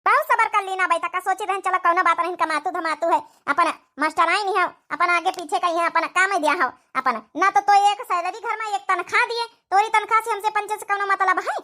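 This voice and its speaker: A woman speaks in an extremely high voice, fairly quickly and with barely a pause, playing a scolding, indignant old village mother-in-law in a comic cartoon. With an Awadhi accent, she nags with questions, repeating sharp questioning tags.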